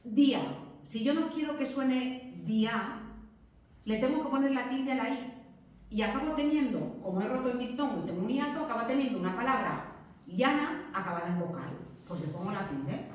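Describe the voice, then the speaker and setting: A woman's voice: on the high side, lively intonation, fairly quick. Echoey far-off teacher, a woman. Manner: explanatory, checks in with "¿sí?" and "¿m?". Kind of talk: spelling lesson to students.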